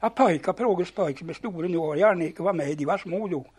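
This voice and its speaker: An older man with a husky, slightly high voice spins old yarns, switching into the voices of the people in his stories. He stumbles over words and starts sentences again as he talks. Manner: animated yarn-spinning, acting out dialogue, repeats and restarts words. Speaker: storyteller. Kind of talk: spoken reminiscence, telling old anecdotes.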